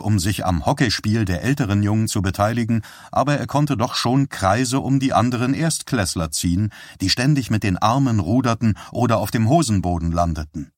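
A man narrating an audiobook in a calm, measured way. His voice sits low, and the recording is close and dry with no room sound. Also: no room sound. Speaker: audiobook reader. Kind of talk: scripted narration.

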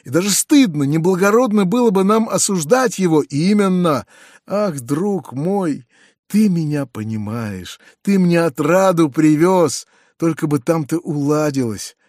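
A man voicing a kind, excitable middle-aged uncle who gushes, hurries and stammers. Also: fairly high pitch, unhurried, no echo, clean studio sound. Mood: gushing.

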